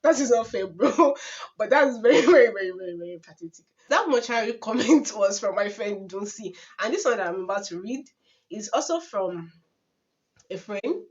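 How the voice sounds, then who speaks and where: A woman's voice: medium pitch, lively intonation, moderate pace. A young Nigerian woman with a Nigerian accent tells story-time anecdotes in a casual vlog, dramatic and laughing often. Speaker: vlogger. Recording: dull lo-fi recording.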